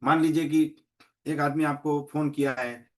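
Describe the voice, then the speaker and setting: Middle-aged man with a Gujarati accent, trainer type; motivational talk, storytelling, slightly high voice. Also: fairly even intonation, a little slow, darkish tone. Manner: storytelling, acts out dialogues in many voices. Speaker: network marketing trainer. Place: meeting hall.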